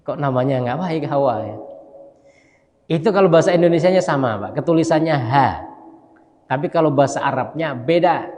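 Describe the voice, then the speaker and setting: A male mosque imam giving a casual dawn study lecture. He talks conversationally, often checks with listeners through tag questions, and slowly spells out Arabic letters. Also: on the high side, darkish tone. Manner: conversational, keeps asking listeners "ya kan?". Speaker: mosque imam and religious teacher. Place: large mosque. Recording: long hall reverb in a mosque.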